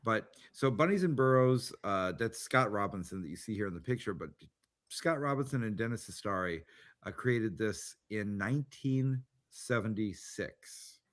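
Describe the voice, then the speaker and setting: A man's voice: on the low side, expressive, moderate pace. A man hosting a tabletop game show, chatting casually and rambling with many fillers and restarts. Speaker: podcast host. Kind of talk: casual chat.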